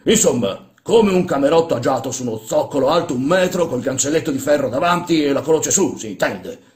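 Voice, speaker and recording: A man voicing a rich, mocking old man in a dramatic literary reading, loud and scolding. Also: medium pitch, lively intonation, brisk, voice pushed up, natural voice. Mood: commanding. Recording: roomy echo.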